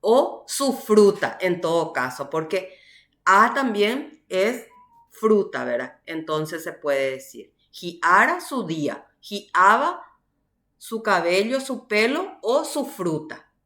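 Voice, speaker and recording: A woman teacher from Paraguay giving a university language class, explaining slowly and often checking with "¿verdad?". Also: fairly low pitch, very animated, roomy sound. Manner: slow, explanatory, frequent "¿verdad?" tags. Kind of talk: online class lecture.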